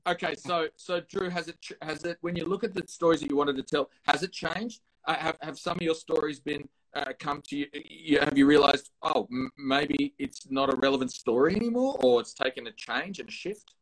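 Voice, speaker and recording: A man's voice: fairly high pitch, a little fast, hardly any pauses, fairly bright tone, low-quality recording. A man hosting a casual chat show, asking long, rambling questions full of restarts and effusive praise. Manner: rambling, effusive, stumbling over words. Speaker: show host.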